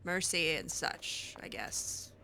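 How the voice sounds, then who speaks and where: Speaking in character during role-play gameplay, a woman is playful, sassy and assertive in her casual commentary. Her lowish voice is animated and slow, with vocal fry and a sharp edge, and faint music sits behind her.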